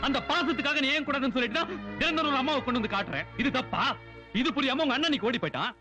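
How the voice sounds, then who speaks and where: A man's voice: very high voice, lively intonation, rapid-fire, over music. An actor playing a short-tempered, bossy rich father who is drunk and mixes English insults into his talk, in a film scene. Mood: angry. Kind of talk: film dialogue.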